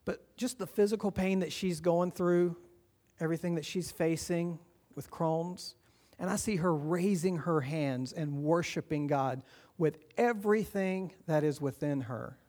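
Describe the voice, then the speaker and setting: A man preaching a sermon as pastor, earnest and encouraging, swinging between loud urging and quiet, hushed lines. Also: on the high side, a little slow. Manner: earnest, encouraging, rises and drops in volume.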